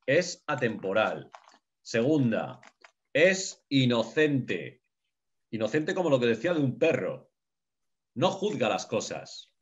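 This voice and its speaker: A man's voice: medium pitch, very animated, slow pace, pauses often. Man, lecturing a group, emphatic, repeats himself, keeps checking in, muffled lo-fi audio. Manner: emphatic, repeats key phrases, checks in with "¿vale?". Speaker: lecturer on the unconscious. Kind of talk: teaching talk to a group. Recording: dull lo-fi recording.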